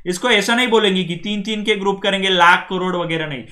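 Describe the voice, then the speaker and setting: Bright-voiced man teaching. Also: high voice, steady tone. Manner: asks the class often, drills numbers slowly. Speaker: language teacher. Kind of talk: classroom lecture.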